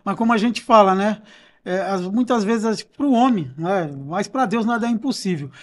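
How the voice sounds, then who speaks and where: Guy from brazil hosting a church podcast, high voice, talks in loops with lots of "né". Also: normal speed. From Cubatão, Brazil. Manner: rambling, many fillers and restarts. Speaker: podcast host. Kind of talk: casual church podcast chat.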